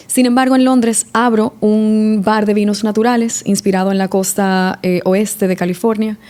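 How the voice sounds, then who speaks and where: A woman's voice: medium pitch, steady tone, normal speed, darkish tone. A woman from the Dominican Republic, a sommelier guest talking through her answers in a casual podcast interview, with many small restarts. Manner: reflective, restarts often, eh fillers.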